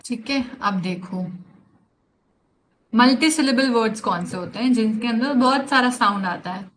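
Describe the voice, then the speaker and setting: A woman with an Indian accent and a rather high, fairly bright voice teaches English grammar in a live online class, explaining slowly and teasingly in a blend of Hindi and English. The recording is low quality with slight background noise.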